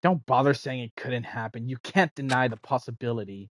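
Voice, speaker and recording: A man's voice: medium pitch, fairly quick, heavy background noise, lightly acted. A man voicing an arrogant, condescending young elitist, reading video game dialogue in a haughty, dismissive manner. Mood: smug.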